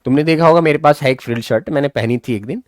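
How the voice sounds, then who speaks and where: A man's voice: medium pitch, rapid-fire, no echo, clean studio sound. A man teaching a lesson casually, reading English lines aloud and explaining them in a chatty way. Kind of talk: casual classroom-style lesson.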